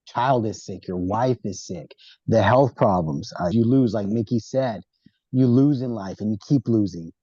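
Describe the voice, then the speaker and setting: A man's voice: fairly low pitch, dark tone, husky, no room sound. A man co-hosting a casual talk show, speaking in an emphatic, affirming way. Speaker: podcast co-host. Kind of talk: casual conversation. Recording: dull dry lo-fi sound.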